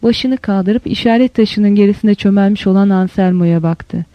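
A woman reading a novel aloud as an audiobook narrator, in a measured, steady way. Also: mid-range voice, no room sound, lo-fi sound.

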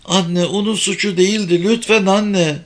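A man's voice: high-pitched, steady tone, moderate pace, voice pushed up, close to an everyday voice. A man voicing a frightened young girl who pleads through tears in an audiobook. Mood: pleading. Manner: pleading, sobbing.

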